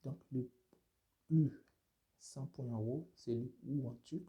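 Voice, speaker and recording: Homme lent, voix très sombre, professeur. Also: male voice, medium pitch, takes it slowly, dark tone. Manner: repeats sounds for learners to echo, many "euh" fillers. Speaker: language teacher. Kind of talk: slow spoken language lesson.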